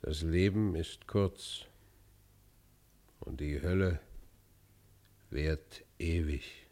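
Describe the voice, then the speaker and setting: In a German radio play, a man portrays a tormented, guilt-ridden fugitive outlaw, speaking in an anguished, declamatory literary style that sounds defiant and bitter. His low voice is mellow and very slow.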